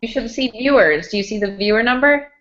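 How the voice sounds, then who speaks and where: A woman's voice: a little high, expressive, brisk, fairly bright tone. A woman co-hosting a podcast over a video call, chatting casually and cracking teasing jokes. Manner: teasing, wisecracking. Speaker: podcast co-host. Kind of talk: casual live-stream chat. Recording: dull lo-fi call audio.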